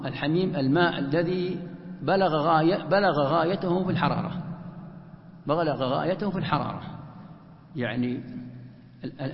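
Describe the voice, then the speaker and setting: A man's voice: on the high side, creaky. A man teaching a Quran commentary lesson, who asks rhetorical questions and answers them himself. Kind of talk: explanatory religious lesson. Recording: echoey hall, muffled lo-fi sound.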